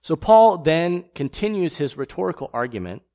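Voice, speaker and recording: A man's voice: on the high side, big pitch swings, normal speed, warm tone. Man teaching scripture, using fillers. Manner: explains scripture, reads verses aloud, frequent fillers. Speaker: Bible teacher. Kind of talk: sermon.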